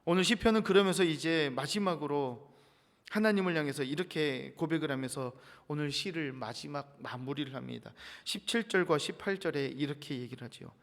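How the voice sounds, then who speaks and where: A man's voice: a little high, brisk. A man preaching an early-morning sermon as pastor, earnest and reading scripture passages aloud with rising emphasis. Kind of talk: dawn sermon. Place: church sanctuary. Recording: long church reverb.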